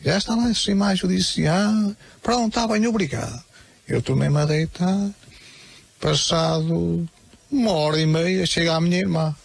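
A man with a European Portuguese accent tells his story in a calm, matter-of-fact way. His voice is gravelly and husky, and he repeats phrases plainly. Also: a little high, normal speed. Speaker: interviewee. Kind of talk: flat recounting to camera.

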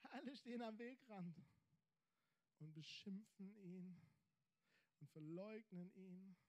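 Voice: mid-range voice, slow, darkish tone. A preacher delivering an emphatic sermon, building points through repeated phrases and rhetorical questions.

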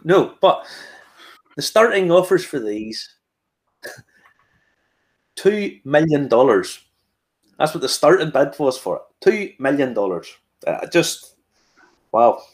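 A man's voice: fairly high pitch, animated, normal speed. Ulster man hosting a casual tasting. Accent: Northern Irish, Ulster. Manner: rhetorical questions, explanatory asides. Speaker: whiskey tasting host. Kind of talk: casual chat, tasting presentation.

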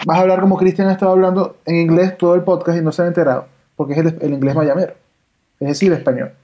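A woman, chatting on a podcast as co-host, opinionated and animated. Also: lowish voice, quick pace. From Venezuela. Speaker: podcast co-host, audio engineer. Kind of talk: casual podcast chat. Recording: dull lo-fi audio.

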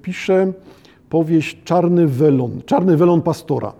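A man giving an academic lecture on literature, talking haltingly with many hesitations and checking that his listeners follow. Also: a little high, warm tone. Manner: halting, with frequent "e" hesitations and restarts; addresses listeners formally and checks understanding.

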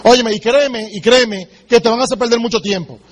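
A man's voice: extremely high pitch, fast. A man giving a motivational sales training talk, direct and emphatic, speaking straight to the listener and acting out sales conversations. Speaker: business seminar speaker.

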